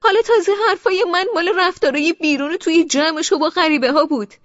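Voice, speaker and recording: A woman narrator voicing a furious young man who shouts scornful, sarcastic rebukes at his sister. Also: extremely high pitch, no echo, pitched above the performer's own voice. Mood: furious scolding. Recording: dry, slightly dull studio audio.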